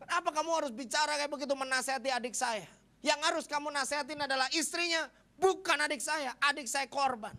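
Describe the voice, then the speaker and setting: A man voicing a furious hot-headed man who shouts threats at a pastor, in a high, strained voice. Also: level tone, measured pace, few pauses. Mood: furious, shouting.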